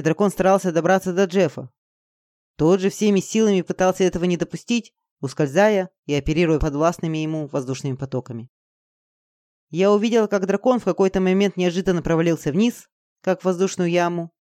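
A reader narrating a fantasy audiobook in an even, dramatic storytelling manner. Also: mid-range voice, fairly quick, no room sound, studio quality.

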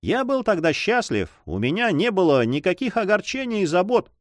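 A man voicing a calm, dignified old governor who speaks quietly and patiently, with a touch of sadness, in a storybook reading. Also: sits high, moderate pace, dry recording, clean studio sound, pitched above the performer's own voice. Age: older. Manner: quiet, patient, gently sad.

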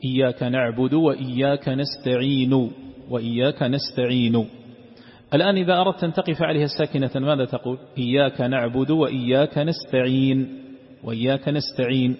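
A man teaching a lesson on Quran recitation rules, explaining step by step and chanting example verses slowly. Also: a little high. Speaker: sheikh teaching Quran sciences. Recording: dull lo-fi recording with long hall reverb.

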